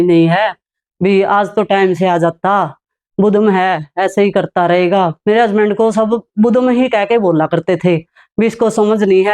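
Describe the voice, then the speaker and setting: A middle-aged woman from Haryana, India, telling her own life story as a talk show guest, in a plain, unhurried way with soft quiet asides. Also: mid-range voice.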